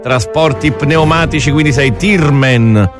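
A man's voice: on the high side, measured pace. A man co-hosting a radio show with casual comic banter. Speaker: radio co-host. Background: music bed.

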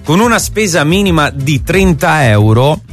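Fairly high-voiced male radio co-host. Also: very animated, unhurried, soft background music. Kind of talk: casual radio banter and live sponsor read.

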